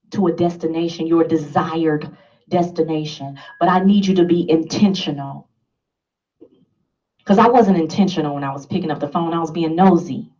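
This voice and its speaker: A woman's voice: low-pitched, dark tone, distant mic, muffled recording. A woman giving an emphatic motivational talk to a live audience, laughing and asking the listeners questions. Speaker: motivational speaker.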